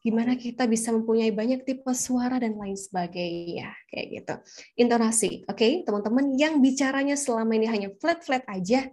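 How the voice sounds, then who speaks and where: A woman leading a live public speaking workshop, swinging her pitch up and down as she demonstrates intonation to her audience. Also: moderate pace, a little mellow.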